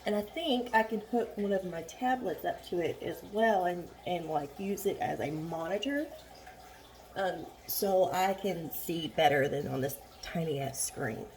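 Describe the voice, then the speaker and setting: A woman casually chatting through a makeup tutorial at home, rambling and frank, a little hoarse, recorded on a phone. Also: on the low side, measured pace, a little mellow. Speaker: beauty vlogger. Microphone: phone camera.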